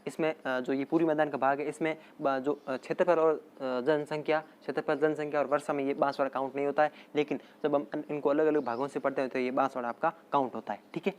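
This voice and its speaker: A male teacher, dictating a geography lesson slowly and repeating place names often. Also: fairly high pitch, steady tone. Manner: slow, repetitive dictation with frequent "theek hai" check-ins. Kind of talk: exam-prep geography lesson.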